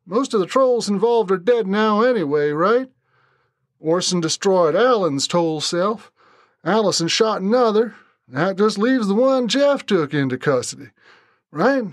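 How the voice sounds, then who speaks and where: Brief: man putting on a surly Deep South man, slow drawl, high-pitched, curt. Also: expressive, dry recording, studio quality. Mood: dismissive.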